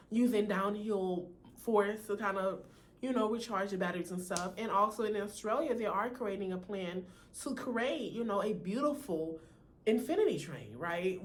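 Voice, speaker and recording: An American woman with a slight lisp from braces, chatting casually to her viewers as a sassy, talkative video host. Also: medium pitch. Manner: sassy and chatty, peppered with "honey", "you know" and "right?".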